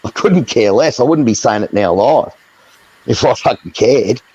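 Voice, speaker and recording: A man's voice: medium pitch, lively intonation, normal speed, darkish tone, slightly rough, muffled recording. An Australian man in a heated live chat, ranting angrily with lots of swearing. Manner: angry, profane, ranting.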